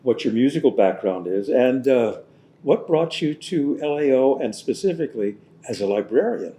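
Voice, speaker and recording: Male interviewer, mellow and warm tone; friendly, curious questions. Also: medium pitch, lively intonation, normal speed. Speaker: interviewer, education head.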